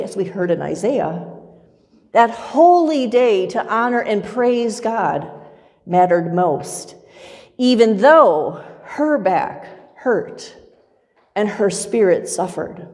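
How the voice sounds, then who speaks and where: Middle-aged woman pastor, higher voice, slow measured sermon, church reverb. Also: darkish tone. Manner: measured, rhythmic preaching with repetition. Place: church sanctuary with pipe organ, far camera.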